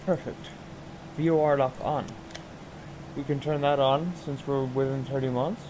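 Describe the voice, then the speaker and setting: A man's voice: mid-range voice, steady tone, normal speed, background noise. A man giving casual, chatty gameplay commentary on a flight simulator, thinking aloud with enthusiasm.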